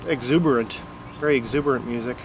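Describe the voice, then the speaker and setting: Here a fast-talking man with a mid-range voice and a blocked nose chats off the cuff about music. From around Chicago, he collects records and vlogs, filling his unscripted talk to camera with fillers while insects buzz and traffic passes on a summer afternoon outdoors.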